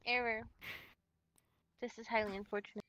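A woman's voice: on the high side, little pitch movement, normal speed, dull audio, background noise. A woman voicing a malfunctioning female security robot in a video game, with a glitching robotic voice and a polite, stiff manner.

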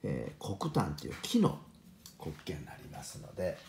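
A man who runs a piano shop, showing off a piano late at night and talking in a deliberately quiet, half-whispered way. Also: deep voice, wildly swooping pitch, vocal fry, roomy sound, a little hiss or hum. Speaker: piano shop owner presenting a piano. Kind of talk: hushed late-night product demo. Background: soft piano playing.

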